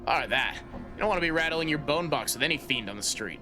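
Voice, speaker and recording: A man voicing a wary male companion in a fantasy game, speaking low and urgently. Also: expressive, fast, music in the background, close to an everyday voice. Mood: warning.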